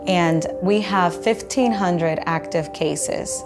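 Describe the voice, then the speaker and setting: A woman from the Dominican Republic speaks in a measured, earnest tone as an immigration attorney in a documentary interview. Her voice sits a little low, and a music bed plays clearly under her words.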